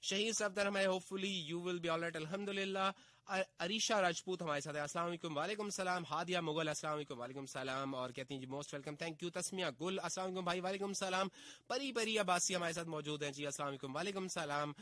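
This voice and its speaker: A man's voice: sits high, a little fast, bright, forceful tone. A man from Pakistan with a Pakistani Urdu accent, hosting a casual radio show and greeting listeners by name one after another. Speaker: radio host reading listener messages.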